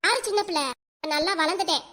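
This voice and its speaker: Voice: very high voice, fast talker, bright, forceful tone, pitched above the performer's own voice. A woman doing a cheeky little girl. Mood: defiant. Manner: cheeky, defiant. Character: bold young daughter defending her mother.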